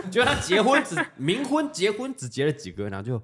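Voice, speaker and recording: Animated laughing man host. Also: high-pitched, a little fast. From Taiwan. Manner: animated storytelling, loud bursts of laughter, swearing. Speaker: podcast host. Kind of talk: casual comedic chat.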